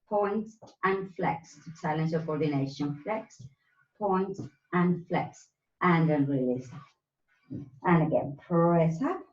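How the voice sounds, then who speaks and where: A woman's voice: fairly low pitch, a little mellow. A woman instructing a live Pilates class, counting breaths and movements aloud in short, spaced cues. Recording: roomy echo, distant mic, slightly dull sound.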